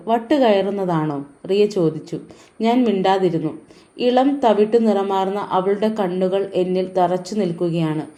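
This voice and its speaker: Woman reading a novel aloud, mellow soft tone, steady and even. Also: mid-range voice. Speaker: audiobook narrator. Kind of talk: scripted audiobook narration.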